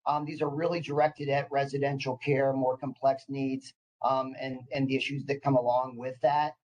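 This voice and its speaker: A man with a medium-pitched voice gives an informal professional presentation. He comes across as psyched, like someone on a few coffees, eagerly pushing on through hesitations and restarted phrases. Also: flat delivery, normal speed, darkish tone, dull audio. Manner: enthusiastic, psyched; caffeinated, eager talker who hesitates and restarts mid-phrase. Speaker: clinical department director presenting.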